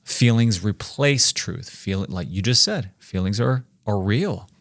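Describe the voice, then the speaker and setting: Man, 40s, emphatic podcast co-host; low voice, dry close recording. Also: expressive, unhurried, no echo. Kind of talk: faith-based leadership discussion.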